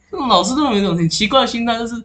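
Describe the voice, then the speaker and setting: A man's voice: very high-pitched, lively intonation, fast, a bit bright. A young man, a co-host in a casual chat, ranting and laughing as he talks. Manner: chatty, laughs while ranting.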